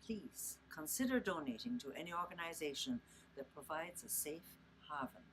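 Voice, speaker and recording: An Irish woman, a storyteller, reads aloud to children in a lilting, dramatic manner, drawing out words for effect. Her voice is deep and animated, with background noise present.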